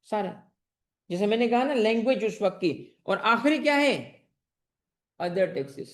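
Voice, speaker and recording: Here the instructor's voice sits high, with lively intonation and an unhurried pace. He's teaching exam-prep tax to a class that's also broadcast online, quizzing students, answering his own questions, calling them fondly, and restating what matters most.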